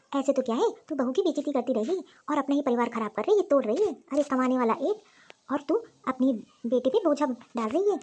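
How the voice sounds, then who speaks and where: A sharp-tongued elderly grandmother-in-law from a cartoon story, voiced by a woman. She scolds and lectures in a high voice, proud and unbending.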